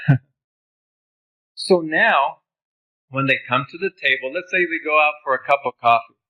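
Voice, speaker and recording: A man's voice: mid-range voice, dull audio. A man who grew up in Honduras, teaching about ministry in a conversational lecture over slides, with personal stories.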